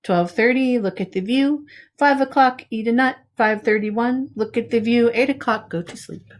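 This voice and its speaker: A woman whose voice is on the high side reads a picture book at a moderate pace, the way a preschool teacher would. She brings expression to it and talks directly to young children with casual side comments.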